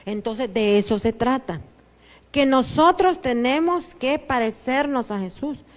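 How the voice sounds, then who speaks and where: A woman pastor with a Honduran Spanish accent, preaching a sermon that swings between soft asides and loud declarations. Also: high-pitched, animated, measured pace. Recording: church hall with long reverb.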